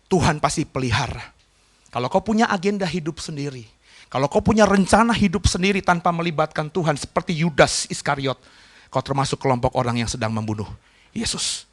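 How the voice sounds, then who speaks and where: A man preaching a sermon as pastor, emphatic, dropping to quiet asides and rising to loud acted crowd cries. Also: high voice, animated, moderate pace.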